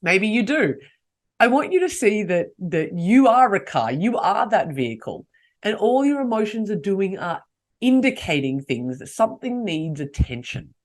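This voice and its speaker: Expressive female podcast host. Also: mid-range voice, moderate pace. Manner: coaching, asks rhetorical questions. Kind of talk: solo podcast monologue.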